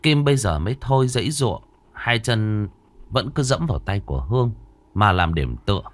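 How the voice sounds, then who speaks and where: A man narrating a horror story, dramatic and expressive. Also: fairly low pitch, moderate pace, no room sound.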